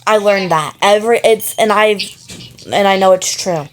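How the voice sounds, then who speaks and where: A woman's voice: mid-range voice, normal speed. A woman hosting a casual gameplay session with friends, rambling and talking over the others. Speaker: gaming channel host.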